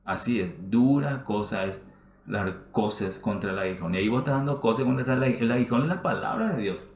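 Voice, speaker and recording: Fairly low in pitch, lively in intonation, and fairly quick, a man from Paraguay preaches as pastor in a church hall. He emphasizes ideas by repeating phrases, and the livestream recording sounds roomy.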